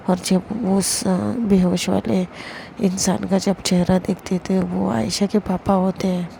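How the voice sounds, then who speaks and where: A woman with a mellow, gravelly, medium-pitched voice narrates a love story in a relaxed, conversational style, with a little hiss or hum audible. When she repeats what the characters say, she keeps her own voice and doesn't perform them.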